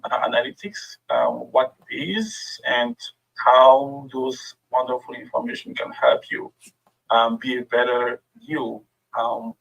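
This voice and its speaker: This guest speaker is a middle-aged man whose first language is French, and his accent shows as he presents a friendly workshop on a video call, using plenty of fillers. His mid-range voice has a creaky quality, and the audio is poor.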